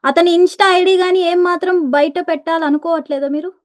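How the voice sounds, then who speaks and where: A woman's voice: extremely high pitch, steady tone, normal speed. A woman interviewer asking probing, challenging questions.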